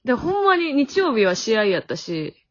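A young woman with a Kansai accent talks in an easygoing, self-deprecating way. Her voice sits a bit high and moves a lot in pitch. She calls in from home, and the audio sounds dull and lo-fi. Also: sing-song, moderate pace. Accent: Kansai Japanese. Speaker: podcast co-host. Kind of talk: casual chat. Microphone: remote call.

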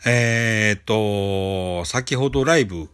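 A man's voice: fairly low pitch, slow pace, fairly bright tone, smooth. A man with a Kansai accent hosting a casual solo talk show, rambling with many fillers and restarts. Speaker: podcast host. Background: faint background music.

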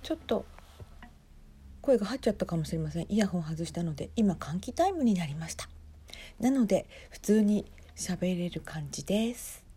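A woman talks quietly to her listeners while she watches a livestream, often dropping into a breathy half-whisper. Her voice is dark and mellow, with a husky edge. She reacts aloud in a chatty way, close to a phone mic. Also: on the low side, lively intonation, moderate pace. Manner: speaks softly in hushed whispers. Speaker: podcast host watching a livestream. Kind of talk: casual live commentary, half whispered.

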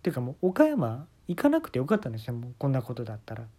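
A man's voice: medium pitch, wildly swooping pitch, fast, warm tone. A man with a Kansai accent telling a comic story in a casual, wry, exasperated way into a phone mic. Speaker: podcast host.

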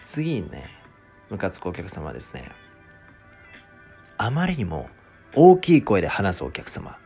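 A man's voice: sits low, wildly swooping pitch, a little slow, creaky, mellow, soft background music. A man hosting a casual solo talk show, ranting in exasperation and acting out customers' lines. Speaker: podcast host, former restaurant part-timer.

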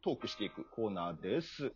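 A man doing a disguised deep voice as a mock show hijacker, talking in a slow, lowered, announcer-like way. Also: very animated. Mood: mock-ominous. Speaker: host. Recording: dull lo-fi recording with faint music.

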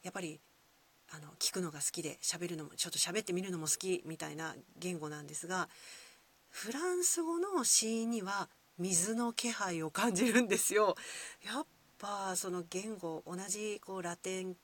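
A woman with a Kyoto accent hosting a solo podcast, musing gently with many soft fillers. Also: fairly low pitch, moderate pace, breathy edge. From Kyoto, Japan. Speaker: podcast host.

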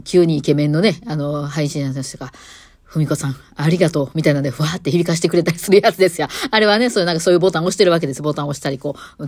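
A violinist woman, chatting on her own in a relaxed, explanatory way from a studio. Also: low-pitched, no echo. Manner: chatty and explanatory, with many fillers. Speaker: violinist and podcast host. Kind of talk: casual solo talk. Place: recording studio.

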